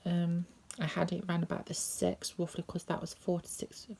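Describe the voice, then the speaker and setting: A woman telling a personal story as a vlogger, rambling and repeating herself, often slipping into soft half-whispers. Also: fairly low pitch, completely flat delivery, moderate pace, creaky.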